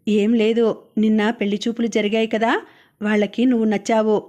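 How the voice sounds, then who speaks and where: A woman voicing a gentle, caring older lady of the house in a storybook reading, speaking softly and coaxingly. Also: on the high side, little pitch movement, natural voice. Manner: soft, coaxing, unhurried.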